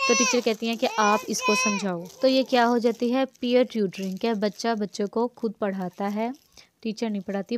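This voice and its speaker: A woman with a Pakistani accent giving an exam-prep lesson, reading English lines slowly and explaining them in mixed Urdu and English. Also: mid-range voice, background noise. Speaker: teacher.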